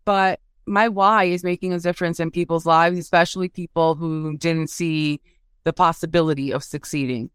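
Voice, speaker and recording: A woman's voice: on the low side, steady tone, moderate pace, clear, resonant tone, dry recording, studio quality. A woman guest in a casual interview, talking about her work in a candid, sassy, sarcastic way. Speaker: guest, marketing business owner. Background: soft meditation music.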